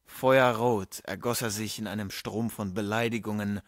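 A man reading a classic text aloud as an audiobook narrator, steady and measured. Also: lowish voice, dry recording, clean studio sound. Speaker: audiobook reader. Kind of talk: scripted narration.

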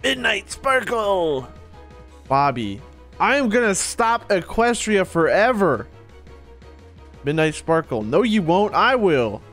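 A man streaming a game and commenting, excitable, laughing and shouting often, swearing a lot. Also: high-pitched, unhurried, soft background music. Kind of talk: gameplay commentary.

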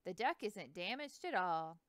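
The same eager, courteous young explorer is read by a woman, earnest and speaking in a rush, though her overall pace is unhurried. Smooth and clear with lively, rising and falling pitch, the voice sounds close and dry, as in a storybook.

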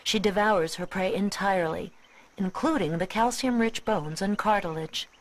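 A woman reading scripted nature documentary narration in a measured, expository way. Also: mid-range voice, low-quality recording.

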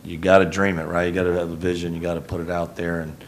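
A middle-aged man from Houston, a head basketball coach, answering reporters after a game in a rambling, self-correcting, low-key way, speaking into a table mic in a press conference room. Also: level tone, fast talker, a little hiss or hum. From Houston, Texas. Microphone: table mic on a stand.

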